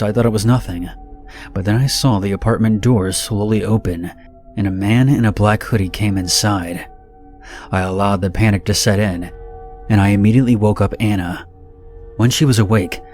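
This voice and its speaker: A man narrating a scripted horror story in a steady, measured reading. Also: on the low side.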